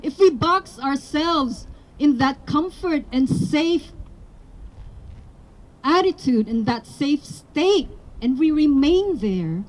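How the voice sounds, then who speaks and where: A rally speaker from the Philippines, a native Tagalog speaker, addresses an outdoor crowd earnestly, working up to emphatic appeals. Her high voice is expressive and slow, and the recording is rough.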